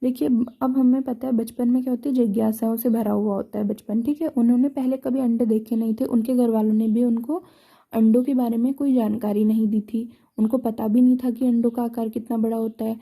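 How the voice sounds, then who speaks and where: A female school teacher with a Hindi accent works through a textbook chapter line by line, retelling each line and then explaining it. Her voice is a little high yet very dark, mellow and creaky, with fairly even intonation. She pauses, restarts often, says "ठीक है" a lot and checks in with the class.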